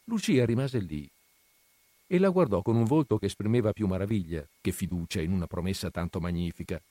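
A man reads a classic novel aloud in a measured, literary way. His voice sits on the low side. The sound is dry and close, with no room around it. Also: animated, dark tone, dry recording. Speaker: reader.

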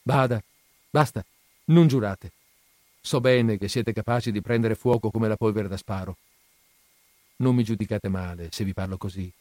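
A man's voice: fairly low pitch, normal speed, pauses often, dark tone, dry recording, voice pushed down, close to an everyday voice. A man voicing an earnest, guarded young woman in an audiobook reading, speaking in a pleading, candid way.

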